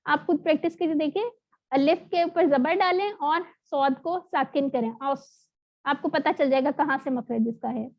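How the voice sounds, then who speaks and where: A woman teaching an online recitation lesson, explaining patiently and sounding out letters slowly. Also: high-pitched. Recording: dull lo-fi audio.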